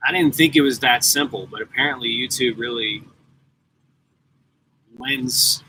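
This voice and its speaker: A man's voice: mid-range voice, unhurried, sharp tone, a little hiss or hum, poor audio. A man in his forties, a truck driver chatting casually and rambling to viewers on a live stream from his parked truck at the yard. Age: 40s. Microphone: laptop mic.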